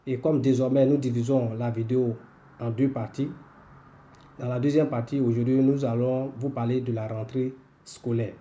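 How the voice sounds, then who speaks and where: A man from the country's northwest, hosting a weekly language lesson and telling a story at an unhurried pace with many filler pauses. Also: medium pitch, dark tone, slight background noise. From northwest Côte d'Ivoire. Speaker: host and language teacher.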